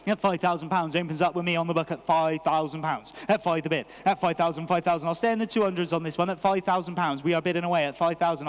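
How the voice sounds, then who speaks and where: A man's voice: sits high, long reverb tail. A British man working as an auctioneer, calling live bids in a repetitive, rhythmic chant of figures.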